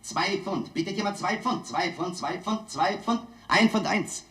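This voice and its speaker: An actor playing a smooth-talking auctioneer in a dubbed film, giving repetitive sales patter and bid calls. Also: male voice, high-pitched, measured pace, fairly bright tone. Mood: salesmanlike patter. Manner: repetitive auctioneer calling of bids. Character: smooth-talking London auctioneer hawking antiques to bidders. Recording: echoey room, old film dub.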